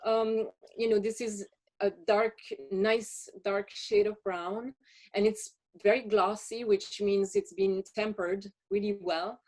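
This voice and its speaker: A woman's voice: medium pitch, flat delivery, slow pace, a little mellow. A woman walking listeners through a chocolate tasting step by step, talking casually with frequent fillers and restarts. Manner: chatty, hesitant with many fillers. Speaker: chocolate taster. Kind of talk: guided tasting walkthrough.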